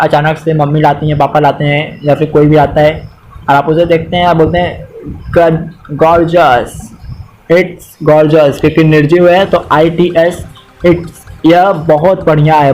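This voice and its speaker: A man with an Indian accent teaching beginner English vocabulary, spelling each word out letter by letter and repeating it slowly. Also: fairly high pitch, darkish tone, low-quality recording. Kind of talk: slow spelled-out vocabulary lesson.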